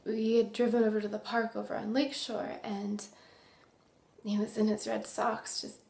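A young woman acting a remorseful recovering addict in a dramatic monologue, halting and full of tragic sorrow. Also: medium pitch, little pitch movement, vocal fry, a little mellow, natural voice. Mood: subdued, ashamed. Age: young adult. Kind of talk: dramatic monologue, naturalistic confession. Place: small indoor room. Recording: roomy echo.

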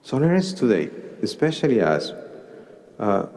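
A man in his sixties with a Mexican Spanish accent, an archbishop preaching a homily slowly in short deliberate phrases at a cathedral pulpit microphone. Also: on the low side, very animated, darkish tone. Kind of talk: sermon. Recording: long cathedral reverb.

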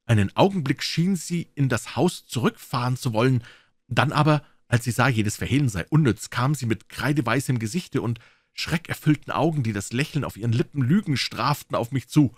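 Narrating a classic detective tale in the first person, this audiobook reader gives it dramatic weight in an expressive, mid-pitched, somewhat husky voice at normal speed. The recording is dry and close, with no room sound.

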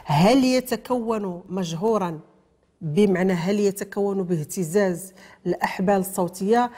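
A woman speaks at medium pitch in a mellow, husky voice with a Moroccan accent, teaching tajweed. Her lesson on how a letter is pronounced goes step by step, with questions she answers herself and a mix of formal terms and plain speech.

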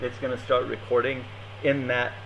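A man's voice: mid-range voice, level tone, moderate pace, vocal fry, a bit bright, muffled recording, slight background noise. A man giving a live coding demo at a meetup, thinking aloud and hesitating often. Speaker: meetup presenter. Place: meetup room.

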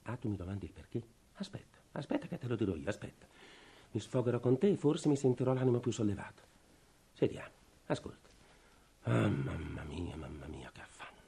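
A harried middle-aged official, husky, breathless, fast ranting, 1950s radio play. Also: male voice, medium pitch, animated, dark tone. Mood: weary complaint. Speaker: worn-out family man begging for a revolver. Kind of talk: 1950s radio drama acting.

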